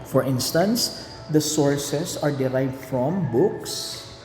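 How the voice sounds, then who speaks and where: A middle-aged man teaching a lesson step by step, deliberately, as if dictating while he writes. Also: medium pitch, expressive, darkish tone, soft background music. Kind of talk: lesson narration explaining slides. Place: indoor room, recorded online lesson. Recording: echoey reverberant room, faint background noise.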